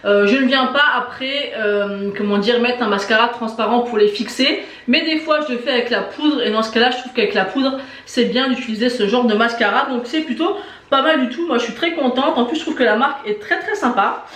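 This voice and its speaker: A woman's voice: on the high side, brisk, fairly bright tone, distant mic. Chatty woman unboxing beauty products. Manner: chatty, enthusiastic, many fillers and repeated "très très". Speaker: beauty vlogger. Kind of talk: casual unboxing review. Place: indoor room with shelves of lipsticks behind. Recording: echoey room.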